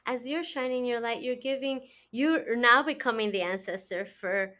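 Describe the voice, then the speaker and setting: A woman's voice: fairly high pitch, moderate pace, pushed and bright. A woman hosting a podcast interview, effusive and chatty, often restarting her sentences. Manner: effusive, many restarts and laughs. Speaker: podcast host. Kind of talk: casual interview chat.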